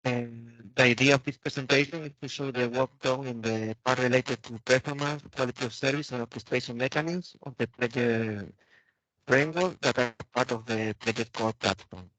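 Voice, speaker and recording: A man's voice: mid-range voice, fairly even intonation, moderate pace, fairly bright tone, no room sound. Man on a glitchy, breaking-up call. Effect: choppy audio breaking up over a bad call connection. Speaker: project presenter. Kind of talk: online conference presentation. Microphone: remote video-call microphone. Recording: dull, lo-fi, distant call audio.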